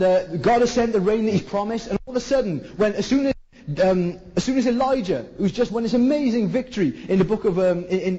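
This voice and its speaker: A man's voice: high-pitched, dark tone, breathy edge, highs cut off. A man with a Welsh Valleys accent preaching a colloquial sermon, putting rhetorical questions to his listeners. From South Wales valleys.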